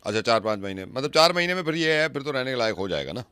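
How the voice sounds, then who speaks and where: Male RJ prank caller, bright and dry-sounding, pushy and repetitive, plays dumb with exaggerated exasperation. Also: medium pitch, big pitch swings, rapid-fire, clear, resonant tone, dry recording. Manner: insistent, repeating himself, rising to exasperated. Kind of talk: prank phone call.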